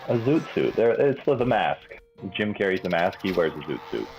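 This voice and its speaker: A man's voice: low voice, sing-song, normal speed, soft background music. A man musing and rambling in a casual gaming voice chat, heard through a dull lo-fi mic.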